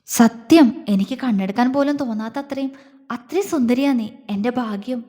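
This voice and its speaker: A woman's voice: on the high side, moderate pace, warm tone, big-room sound, natural voice. A woman voicing an affectionate, teasing young husband in a romance audio story, speaking in a coaxing, playful way.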